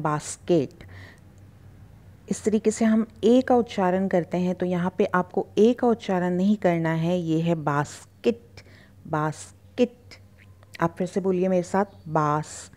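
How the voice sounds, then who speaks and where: A woman teaching English pronunciation, repeating each word slowly and stretching out the sounds. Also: medium pitch, steady tone, mellow. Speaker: spoken English tutor. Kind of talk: slow pronunciation lesson.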